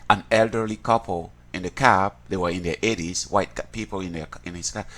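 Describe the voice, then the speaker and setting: Earnest low-voiced man. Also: steady tone, a little fast, fairly bright tone. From Cameroon. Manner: earnest, with many repeated words and restarts. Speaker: interviewee. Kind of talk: reflective personal account.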